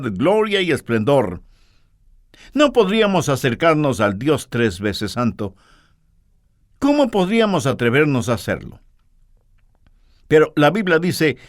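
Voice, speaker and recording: A man preaching a sermon, telling a story in an earnest, expressive way. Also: on the high side, no room sound, clean studio sound.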